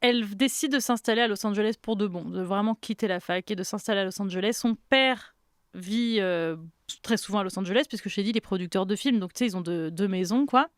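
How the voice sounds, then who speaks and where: A young woman hosting a podcast, telling a story in a lively, chatty way with quoted asides. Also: medium pitch, quick pace, dry recording, clean studio sound. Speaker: podcast host. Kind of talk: casual storytelling chat.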